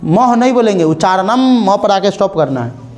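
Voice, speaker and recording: A young man with a Bihar Hindi accent teaches a grammar lesson, his voice sitting notably high. He spells out each example slowly, repeating words, and keeps checking with students whether it is clear. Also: big pitch swings, dark tone.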